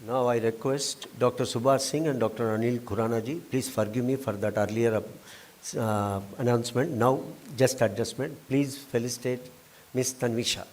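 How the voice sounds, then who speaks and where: A man's voice: mid-range voice, steady tone, moderate pace, darkish tone, a little hiss or hum. A man with an Indian accent making courteous, effusive announcements as master of ceremonies. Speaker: event host, master of ceremonies. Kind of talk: formal event announcements with informal asides. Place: auditorium at a convention. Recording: live hall PA, faint background ambience.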